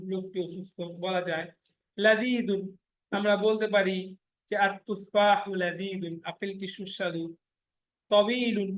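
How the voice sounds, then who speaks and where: A man teaching an Arabic class in Bengali, slowly spelling out letters and words and often checking that his students follow. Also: sits high, roomy sound. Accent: Bangladeshi Bengali. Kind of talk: online class lesson.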